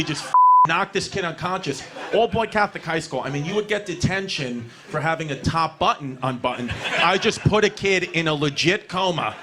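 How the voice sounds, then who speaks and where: A man's voice: fairly high pitch, heavy background noise. Brash, profane stand-up comic man. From New York. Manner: brash, profane and rambling, laughing at his own lines. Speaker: stand-up comedian. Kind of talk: stand-up comedy set. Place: comedy club stage.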